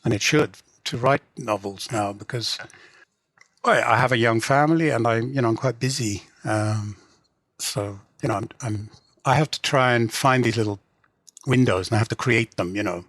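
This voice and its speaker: A middle-aged Englishman, a translator and novelist, talks casually in an interview, halting often with restarts and "you know" fillers. His voice is medium-pitched and fairly bright, with no echo.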